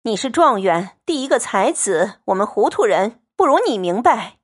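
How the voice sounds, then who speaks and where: Huffy sarcastic lady of the house, as a woman lecturer reads her, bouncy pitch. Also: very animated, normal speed. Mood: sarcastic indignant. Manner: offended, sarcastic. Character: indignant older noble lady of the house.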